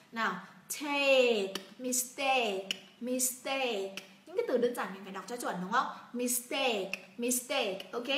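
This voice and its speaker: A woman's voice: fairly high pitch, sharp tone, reverberant, a little hiss or hum. A woman from Vietnam teaching an English pronunciation lesson, repeating words and prompting her learners to say them aloud.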